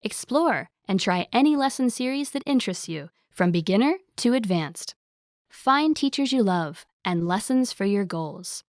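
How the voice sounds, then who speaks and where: A woman's voice: mid-range voice, expressive, normal speed, no echo, studio quality. A woman reading a scripted promotional ad in an upbeat, salesy way. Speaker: ad announcer.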